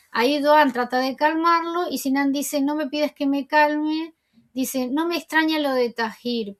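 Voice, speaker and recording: A woman host casually retelling a TV episode, chatty and conversational, with frequent asides. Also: high-pitched. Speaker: TV series recap host.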